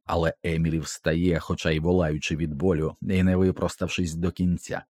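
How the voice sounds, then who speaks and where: A man narrating an audiobook with a tense, expressive dramatic reading. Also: low-pitched, moderate pace, no echo, clean studio sound.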